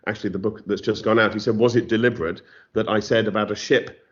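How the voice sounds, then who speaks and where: The novelist guest talks fast with a lowish voice and fairly even intonation, his English accent clear despite slightly dull lo-fi audio. In this interview he comes across as thoughtful and self-deprecating, often restarting his sentences.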